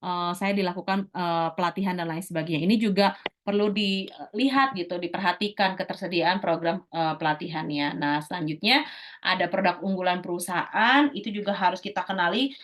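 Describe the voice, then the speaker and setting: A middle-aged woman teacher giving a casual lecture, talking quickly with many fillers and restarts. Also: on the low side, fairly bright tone.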